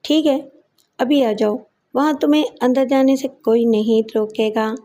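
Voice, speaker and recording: A scheming man issues calm assurances in an audio story, voiced by a woman narrator. The voice is mellow and a touch high. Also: lightly acted. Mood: commanding. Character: scheming powerful man, adult.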